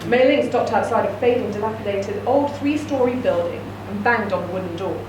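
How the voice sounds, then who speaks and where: This reader, a woman of medium pitch, goes through a short story a little quickly, keeping her narration steady during a live reading event. The recording comes from a distant mic in a noisy, echoey room.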